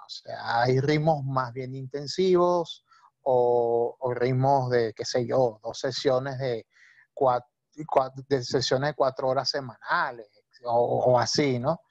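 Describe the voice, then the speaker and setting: A man's voice: mid-range voice, darkish tone, dry recording, muffled recording. A male language teacher, explaining patiently on a video call and often checking that listeners follow. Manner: patient, many fillers and checking questions.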